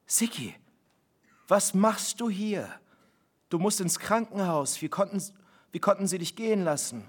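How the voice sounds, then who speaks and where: Man voicing a shocked mother, urgent raised questions, somewhat high voice, read-aloud story. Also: big pitch swings, measured pace, husky, exaggerated voice. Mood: alarmed. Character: shocked anxious mother, middle-aged woman.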